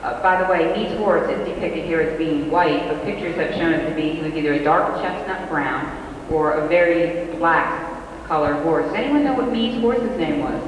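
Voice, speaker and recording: Tour guide on an old VHS tape. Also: male voice, on the high side, normal speed. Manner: informal, asks the crowd questions. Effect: old VHS home-video recording. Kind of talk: live guided tour talk. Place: large indoor exhibition hall. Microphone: camcorder mic at a distance. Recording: echoey hall, far off, audible hiss.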